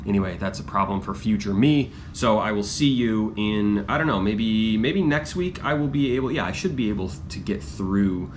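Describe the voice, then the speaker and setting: A man's voice: fairly low pitch, lively intonation, normal speed, hardly any pauses, a little hiss or hum. A young man talking casually to the camera as a running vlogger, chatty and self-deprecating. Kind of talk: casual vlog chat.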